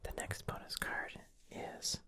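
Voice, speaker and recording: A whispered ASMR pep talk of affirmations, delivered with playful, tongue-in-cheek encouragement in a breathy voice. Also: slow, bright, forceful tone. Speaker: ASMR host.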